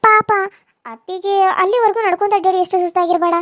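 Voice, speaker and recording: A woman's voice: extremely high pitch, fairly even intonation, fast, a bit bright, dry recording, clean studio sound. A woman voicing a pampered young sister-in-law, who is chatty and sly and feigns sympathy. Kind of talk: cartoon voice acting.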